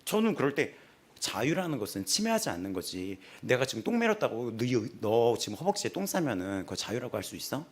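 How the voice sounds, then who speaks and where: A male senior pastor preaching a sermon in a lively storytelling manner, laughing often. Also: medium pitch, brisk, husky. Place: church sanctuary.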